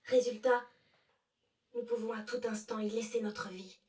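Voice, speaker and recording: A woman's voice: fairly high pitch, steady tone, moderate pace, distant mic, a crowd in the background, natural voice. A woman voicing an earnest, solemn young character in a dubbed anime.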